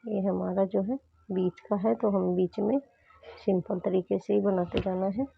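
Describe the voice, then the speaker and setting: A woman's voice: mid-range voice, steady tone, measured pace, gravelly, slightly rough, no echo. A woman with a sore throat patiently teaching crochet step by step, often pointing out what to look at as she works. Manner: patient, repeats "dekhiye" while demonstrating. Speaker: crochet tutorial host. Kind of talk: step-by-step craft instruction. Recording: tinny phone-like sound.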